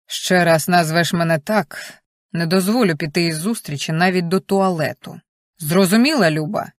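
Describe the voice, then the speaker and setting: A man's voice: high voice, moderate pace, no room sound, clean studio sound, lightly acted. A woman doing a cold, commanding rich husband. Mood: menacing.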